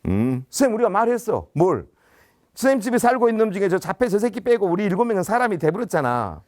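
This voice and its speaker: A man's voice: sits high, big pitch swings, fast talker, a little mellow, dry recording, clean studio sound. A man voicing blunt, teasing teenage delinquent schoolboys in a spoken anecdote. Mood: cheeky.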